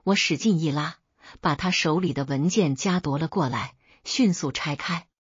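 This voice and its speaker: A woman reading a dramatic family story in the first person, at a steady, even storyteller's pace. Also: sits low, normal speed, breathy edge, no echo, dull audio. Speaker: narrator.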